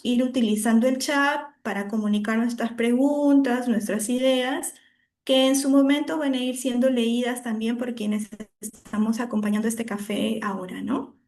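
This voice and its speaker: Peruvian woman moderating a video call, friendly, kinda high voice. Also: vocal fry, a little mellow. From Peru. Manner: friendly and welcoming, with fillers. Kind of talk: moderating an online talk.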